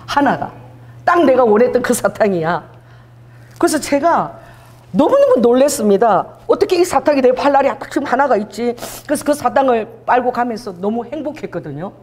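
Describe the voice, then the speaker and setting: A middle-aged woman pastor preaching in a church, her voice sitting a little high. She tells a personal story in an animated way and acts out the voices of the people in it. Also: a little fast. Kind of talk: sermon with personal testimony. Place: church sanctuary.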